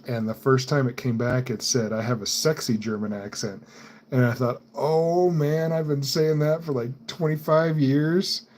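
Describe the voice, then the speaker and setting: Working on computer parts during a live stream, a male host chats casually and laughs a lot. He has a medium-pitched voice with a darkish tone.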